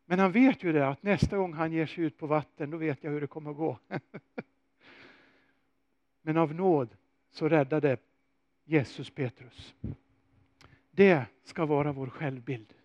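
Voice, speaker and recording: A man preaching a sermon, telling a story with animated swings and rhetorical questions. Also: fairly high pitch, long pauses, no echo, dull audio.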